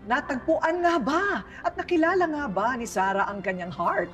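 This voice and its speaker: Lively woman interview host. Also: high voice, moderate pace, faint music behind. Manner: lively, teasing questions. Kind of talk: television interview.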